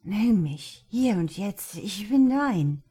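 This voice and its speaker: A woman voicing a drunk, angry young man who slurs and shouts, in an audiobook reading. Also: mid-range voice, lively intonation, slow pace, breathy edge. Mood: pleading. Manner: slurred, loud outbursts.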